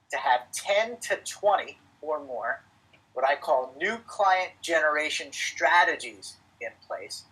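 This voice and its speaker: A man's voice: a little high, bright, forceful tone, breathy edge, rough recording. A middle-aged man presenting a live webinar to financial advisors, emphatic and coaching, repeating his key points.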